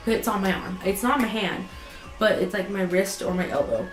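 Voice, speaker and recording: A woman's voice: mid-range voice, normal speed. A woman vlogger telling a story in a casual, rambling way with many fillers. Her voice sounds sick and teary. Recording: roomy echo with music behind.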